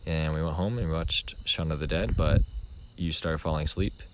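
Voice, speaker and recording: Young male co-host, deep voice, rambly casual storyteller, noisy recording. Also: normal speed. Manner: rambling, relaxed storytelling with many fillers. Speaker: podcast co-host. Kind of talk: casual chat.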